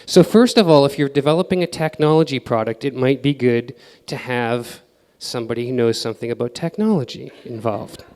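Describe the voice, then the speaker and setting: Male conference speaker, relaxed filler-laden delivery, clear voice with hall echo. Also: medium pitch, fairly quick. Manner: casual, filler-heavy advice with acted-out quotes. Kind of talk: conference presentation. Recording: reverberant hall.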